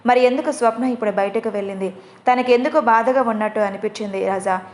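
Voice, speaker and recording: A woman's voice: a little high, fast talker, close to an everyday voice. Woman doing an anxious young mom, lots of questions, storybook style. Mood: anxious questioning. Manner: questioning, pleading. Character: young new mother, an anxious elder sister.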